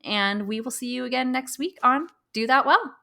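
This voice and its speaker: A woman's voice: high voice, moderate pace, vocal fry, sharp tone. A woman co-hosting a podcast in casual chat, playful and laughing often as she talks things through. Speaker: podcast co-host.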